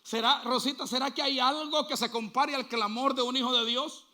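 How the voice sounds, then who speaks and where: A male pastor preaching a sermon, asking the congregation to repeat after him and building to loud, fervent calls. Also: extremely high pitch, steady tone, normal speed. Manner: call-and-response preaching, building to shouts.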